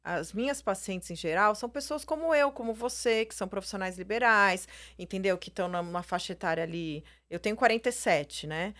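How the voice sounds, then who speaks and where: A Brazilian Portuguese-speaking plastic surgeon explains her views in a casual interview, packed with filler words and tag questions like "né" and "entendeu." Her medium-pitched, a bit bright voice has lively intonation, and she talks slightly fast with hardly any pauses.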